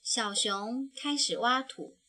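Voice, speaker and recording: A woman narrating a children's storybook in a soft, tender, slow manner. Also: on the high side.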